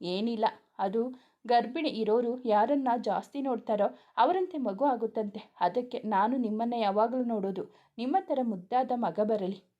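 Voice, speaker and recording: A woman's voice: a little high, normal speed, highs cut off, natural voice. A woman voicing a cheeky, pregnant young wife in a read-aloud romance story, playful and coaxing.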